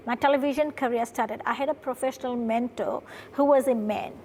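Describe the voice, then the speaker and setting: A woman's slightly high, darkish voice moves briskly as she, a production company founder from Fiji, shares her story in an earnest studio interview. She frequently asks "right?" as she goes. The recording carries a little hiss or hum.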